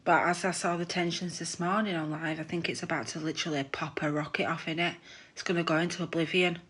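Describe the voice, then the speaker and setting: A woman's voice: deep voice, steady tone, fast talker, fairly bright tone, slightly rough. A woman hosting a casual live stream from her room at home, chatting and gossiping into her phone, laughing at herself.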